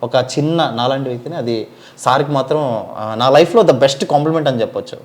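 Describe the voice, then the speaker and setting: A man's voice: mid-range voice, quick pace. A man, a mimicry and dubbing artist, chatting eagerly as an interview guest. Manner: eager, agreeable replies. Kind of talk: casual interview chat.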